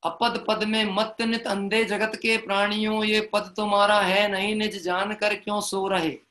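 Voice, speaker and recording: A man preaches a devotional sermon in a high, ringing voice. He mixes plain storytelling with slow, chanted verses and keeps asking the listeners rhetorical questions. His tone stays bright and clear throughout. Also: level tone. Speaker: Jain preacher.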